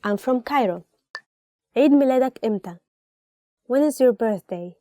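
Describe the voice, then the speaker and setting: A young woman with a warm, fairly high voice, teaching phrases in a casual and chatty way. She explains each question and repeats it for the viewer. The sound is close and dry, recorded in a small indoor studio. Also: animated, fast talker, dry recording. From Egypt. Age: young adult. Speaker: language teacher. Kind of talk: casual spoken-Arabic lesson to camera.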